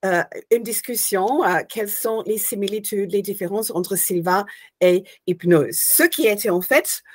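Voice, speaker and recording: A woman's voice: mid-range voice, measured pace. An older woman from Australia, a guest hypnosis instructor, explaining her sessions thoughtfully and searching for words as she goes. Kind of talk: explanatory interview answers.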